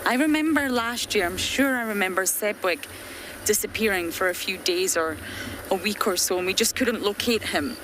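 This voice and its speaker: Out in the bush at dusk, a woman from Scotland guides a live game drive from an open safari vehicle, chatting earnestly to viewers in her Scottish accent. Her voice is mid-range and her pace moderate. Outdoor ambience and the vehicle's noise run under the audio.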